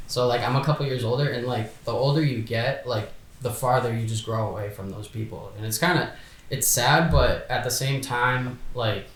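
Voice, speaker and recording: A man's voice: medium pitch, steady tone, normal speed, fairly bright tone, roomy sound. A man in his twenties, a podcast guest talking casually and hesitantly, full of fillers and restarts. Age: 20s. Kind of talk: casual chat.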